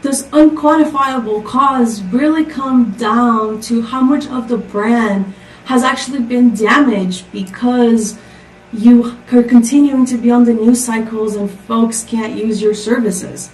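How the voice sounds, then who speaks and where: On the high side but darkish in tone, this Costa Rican woman speaks at a slow pace during her prepared, upbeat tech conference talk, leaning on rhetorical questions. The recording is distant from the mic and echoey.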